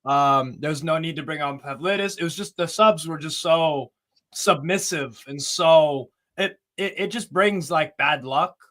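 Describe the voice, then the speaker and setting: A man's voice: fairly high pitch, measured pace, fairly bright tone. A man on a football podcast panel, angry and swearing as he rants about his team, still shaken up. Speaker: panel guest. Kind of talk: heated fan rant.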